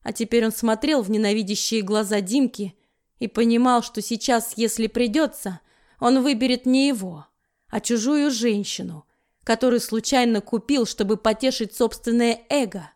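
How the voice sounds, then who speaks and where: A woman's voice: a little high, moderate pace, a little mellow. Woman reading a dramatic audiobook. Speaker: audiobook narrator. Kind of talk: audiobook narration.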